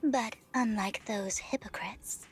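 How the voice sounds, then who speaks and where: A woman voicing a secretive young female informant in a game, talking in a hushed whispered role-play voice. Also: slow, soft background music. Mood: whispering, coy. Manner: hushed breathy whisper, with flights of high excitement. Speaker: video game character.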